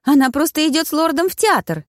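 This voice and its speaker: A woman's voice: very animated, fairly quick, no room sound, studio quality. A woman reading an audiobook, voicing a naive, easily upset young girl who defends her mother. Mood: pleading. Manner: high, pleading, upset. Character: tearful, naive young sister.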